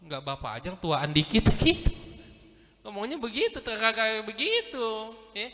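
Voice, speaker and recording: A man giving a casual, animated sermon, often asking his listeners questions. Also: high-pitched, normal speed, in a large hall, background noise. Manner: colloquial and animated, addresses listeners directly with questions. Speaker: ustadz giving a religious study talk.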